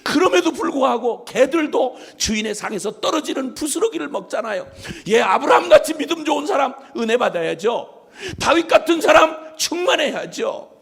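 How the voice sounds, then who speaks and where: A woman's voice: sits high, big pitch swings, moderate pace, creaky, breathy edge, voice pushed up, heavily acted. A man playing a desperate pleading mother. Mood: humble pleading. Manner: pleading, crying out. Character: desperate mother begging for her possessed daughter.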